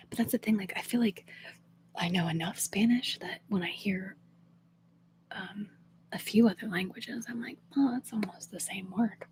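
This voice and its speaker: Recorded on a phone, a young Oklahoma woman who hosts ASMR whispers softly to her live-stream viewers, answering their questions and laughing a lot. Her pitch is medium, and there's a slight hiss or hum in the audio.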